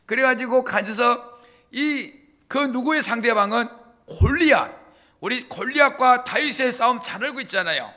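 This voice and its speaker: A man, a pastor preaching a lively, colloquial sermon story. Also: extremely high pitch, normal speed.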